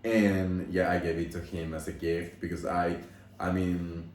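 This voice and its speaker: Young man, casual vlog storyteller, deeper voice, filler-heavy rambling, roomy echo. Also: flat delivery, a little slow, darkish tone, slight background noise. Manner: emotional, gushing retelling. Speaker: model telling a story. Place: at home.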